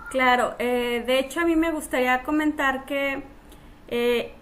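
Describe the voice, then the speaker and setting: A woman hosts a relaxed podcast interview. Her voice sits high, and she speaks in a friendly, chatty way, dropping filler words as she goes. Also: unhurried. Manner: friendly, uses fillers like "este", laughs often. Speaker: podcast host. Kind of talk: casual interview.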